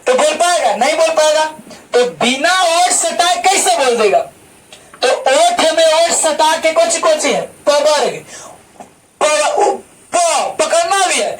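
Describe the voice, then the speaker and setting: A man's voice: very high-pitched, lively intonation, measured pace. A man teaching an online class, drilling each point with repeated rhetorical questions. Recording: distant mic with faint background noise.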